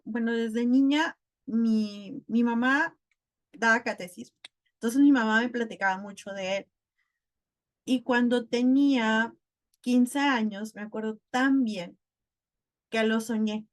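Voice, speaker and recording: A woman's voice: fairly high pitch, slow pace. A woman, a spiritual podcast guest, earnestly telling a personal story in casual chat.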